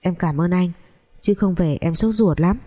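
A woman's voice: fairly low pitch, normal speed, mellow, lightly acted. A woman voicing a worried young woman, an older sister who talks in an anxious, pleading way.

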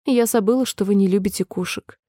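A woman's voice: mid-range voice, brisk, mellow, dry recording, studio quality, lightly acted. A woman voicing a polite, chatty, fretful little girl in a storybook reading, sounding eager and apologetic.

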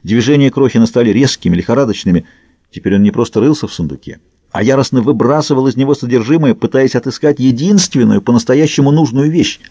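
Man narrating an audiobook, dark voice. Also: mid-range voice, fast, slightly rough, no room sound. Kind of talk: scripted narration. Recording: dull lo-fi dry audio.

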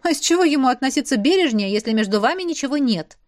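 A woman's voice: high voice, expressive, quick pace, dry recording, studio quality, pitched above the performer's own voice. A woman voicing a young werewolf woman who playfully teases her friend. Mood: teasing. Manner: playful, prodding, amused.

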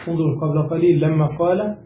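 A man's voice: a little high, quick pace, phone-quality sound, a little hiss or hum. A man teaching a classical grammar lesson, explaining step by step and quizzing his students. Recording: echoey room, voice far from mic.

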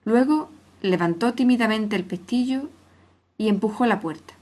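A woman narrating a classic story aloud in a steady, clear reading voice. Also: on the high side, normal speed.

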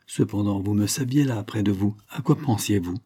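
A man voicing a gentle, earnest young woman pleading with her cousin in a storybook reading. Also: on the low side, moderate pace, husky, dry recording, clean studio sound. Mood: pleading tender. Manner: pleading, impassioned.

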